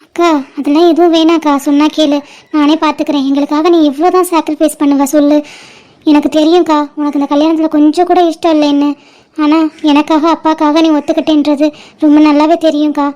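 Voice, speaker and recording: A high, level voice from a woman playing a loyal younger sister, earnest and pleading, with a blunt streak. She keeps her pitch flat and even in this home-made audio drama. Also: fairly quick, lightly acted.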